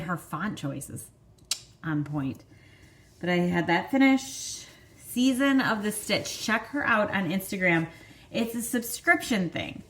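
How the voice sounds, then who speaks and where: A woman's voice: fairly low pitch, a bit bright. A young woman co-hosting a stitching show, chatting casually, a little apologetic and laughing often. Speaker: show co-host. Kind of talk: casual chat.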